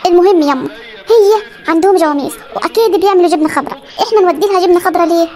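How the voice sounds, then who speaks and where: Voice actor doing a cheeky lazy village girl, squeaky and rushed. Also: darkish tone, faint music behind. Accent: Upper Egyptian Arabic. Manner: whiny, talks back, stalls. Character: lazy cheeky young village daughter, back-talking. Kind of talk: comedy cartoon voice acting.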